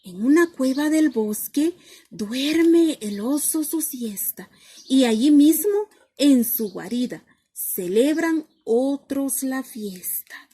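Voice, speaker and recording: A woman's voice: sits high, expressive, takes it slowly, dark tone, breathy edge. A woman reading a picture book aloud to children as a lesson, asking questions and then answering them herself.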